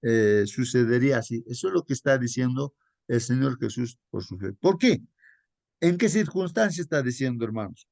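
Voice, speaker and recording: A man teaching a weekly Bible study lesson in a preaching style, calling listeners brothers and asking rhetorical questions, rising for emphasis and dropping softly on asides. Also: animated, a little fast, vocal fry, dry recording. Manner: pitch jumps up for emphasis, drops soft on asides.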